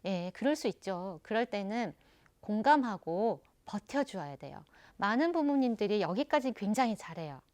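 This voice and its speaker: A woman giving an online parenting lecture, explaining calmly and addressing parents directly. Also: mid-range voice, moderate pace.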